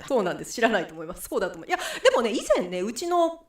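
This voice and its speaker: A woman with a Kansai accent hosts a live stream and talks in a chatty, rambling way. Her pitch swings up and down a lot at a middle height. Her voice carries a roomy echo. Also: very animated, racing. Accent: Kansai Japanese. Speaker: host and musical singer.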